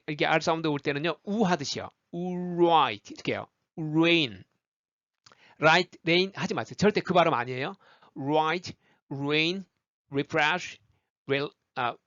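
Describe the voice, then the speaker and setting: A man's voice: fairly high pitch, a bit bright, muffled recording. Dry-sounding man drilling English words. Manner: repeats word lists aloud, coaching learners to echo him. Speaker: English pronunciation teacher. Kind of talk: pronunciation drill lesson.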